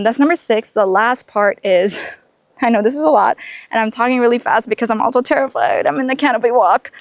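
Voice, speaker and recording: A woman's voice: mid-range voice, no room sound. A woman podcast host sharing earnest, encouraging faith-based life lessons outdoors on a canopy walk, talking reflectively with lots of fillers and restarts.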